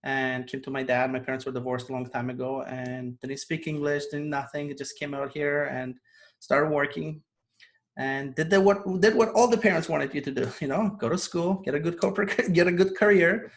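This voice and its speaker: This man's voice sits on the high side, with a steady tone and normal speed. He's a Polish online business coach guesting on a casual video-call interview, sharing his story earnestly and laughing frequently.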